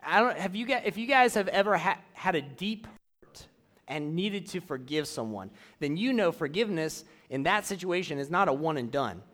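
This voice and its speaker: A young man preaching casually to a church audience, drawing out key phrases slowly and running a live object lesson. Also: on the high side, animated, fairly bright tone. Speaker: youth pastor.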